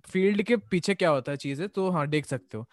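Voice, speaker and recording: Podcast host, young man, slightly high voice, dry close sound, loose rambling delivery. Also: a little fast, dry recording. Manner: rambling, hedging with "okay?" tags. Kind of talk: casual chat.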